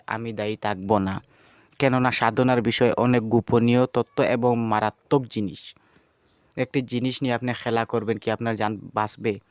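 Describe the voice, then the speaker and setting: A man's voice: medium pitch, no room sound. A man giving casual spoken instruction for his channel, earnest and repeating himself. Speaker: channel host teaching a ritual.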